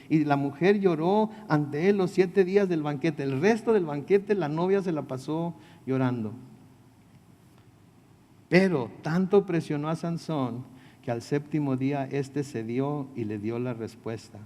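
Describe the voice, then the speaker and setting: A male pastor leads a midweek Bible study in a casual, conversational way, often turning to his listeners with questions and slipping in humorous asides. His voice sits a bit higher than most men's, and long reverb trails after his words. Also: unhurried, warm tone. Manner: conversational, asks the audience questions, joking asides. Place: church meeting room.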